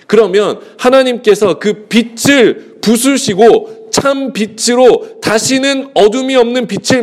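A male pastor preaching a sermon in a conversational way, asking the congregation rhetorical questions and acting out bits of dialogue. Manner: acts out dialogue with shifting pitch.

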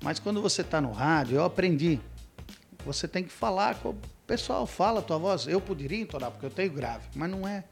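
Male radio veteran, slightly high voice, animated storyteller in a casual interview. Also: a little fast, creaky, soft background music. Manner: lively storyteller who mimics stiff announcer voices. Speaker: radio announcer and podcast guest.

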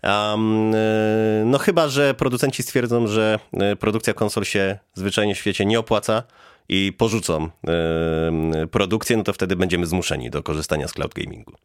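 Male podcast guest, lowish voice, hesitant and reflective, dry sound. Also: fairly even intonation, moderate pace, smooth, dry recording. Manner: thoughtful, hesitant with many fillers. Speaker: guest, head of DevOps. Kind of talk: podcast interview answers.

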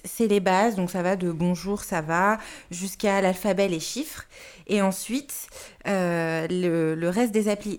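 A podcast columnist, a woman with a medium-pitched, slightly mellow voice, reports to her listeners in a casual, chatty segment. She's enthusiastic but hesitant, full of fillers and restarts.

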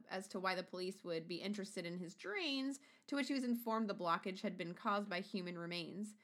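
A woman's voice: medium pitch, fairly bright tone. Casual swearing woman narrating a case. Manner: profane, reads case notes with asides. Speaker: podcast co-host. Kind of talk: casual true-crime chat.

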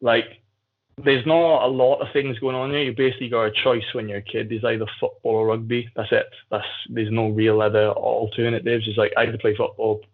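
Appearing as a podcast guest, this jiu-jitsu athlete from the South Wales Valleys tells casual, candid stories in that regional accent. His delivery is flat and a little fast at a medium pitch, heard through muffled, phone-like call audio.

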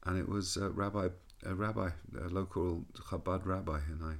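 A rabbi with a very low, deep male voice gives a spoken reflection. He reads a poem and tells a personal story at a measured, thoughtful pace, with pauses. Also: fairly even intonation, vocal fry.

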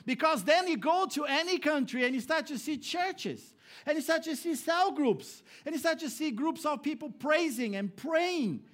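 Brief: male pastor, sermon to a congregation, very high voice, emphatic then hushed. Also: animated, normal speed. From Brazil. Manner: preaching with swings between raised emphatic lines and low hushed ones. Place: church hall before a congregation.

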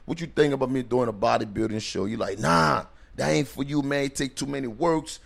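A man's voice: mid-range voice, a little fast, gravelly. A man from Liberia, a personal trainer and bodybuilder, telling stories in a laid-back way with streetwise slang in a casual interview.

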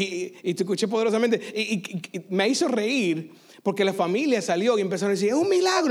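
A man preaches at a church service in a high, bright-pitched voice. He tells his story with lively energy and drops in quick English phrases now and then. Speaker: pastor. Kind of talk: sermon with a personal story.

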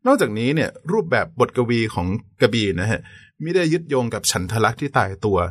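A man co-hosting a podcast in a conversational lecture style, polite and quick to affirm. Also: mid-range voice, big pitch swings, slightly rough, no room sound, clean studio sound. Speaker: podcast co-host.

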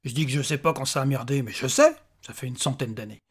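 A man's voice: mid-range voice, fast talker, breathy edge, close to an everyday voice. A man reading aloud and voicing a tiny, bald, bearded male imp who talks in an irritable, sarcastic rant. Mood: exasperated. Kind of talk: audiobook character voice.

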